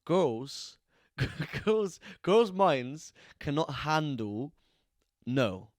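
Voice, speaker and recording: A man's voice: fairly high pitch, very animated, very slow, dry recording, clean studio sound. A young man, co-hosting a casual podcast and rambling with lots of restarts and easy laughter. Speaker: podcast co-host. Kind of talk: casual chat.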